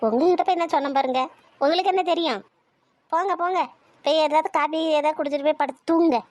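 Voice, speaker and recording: A bossy old grandmother, played by a woman, always finding fault and nagging her family. Her voice sits high and the words tumble out fast as she scolds everyone. It plays like a homemade family skit. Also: darkish tone, natural voice. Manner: scolding, rapid-fire complaining. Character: sharp-tongued domineering old grandmother. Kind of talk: family comedy skit acting.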